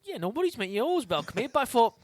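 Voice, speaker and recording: Man, podcast guest, animated storyteller, swears a lot, very lively pitch, dry sound. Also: rapid-fire, no room sound. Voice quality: high-pitched when excited. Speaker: band member guest. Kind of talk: casual podcast chat.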